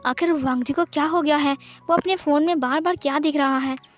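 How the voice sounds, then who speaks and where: A woman narrating a fan fiction story in a steady, plain reading voice. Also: sits high, a little fast.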